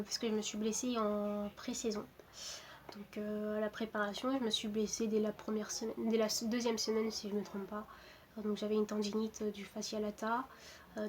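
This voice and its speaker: Young woman speaking flatly, many fillers. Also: mid-range voice, a little hiss or hum. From Portugal. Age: 20s. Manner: hesitant, many fillers and restarts. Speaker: footballer interviewed. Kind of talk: casual self-introduction to camera.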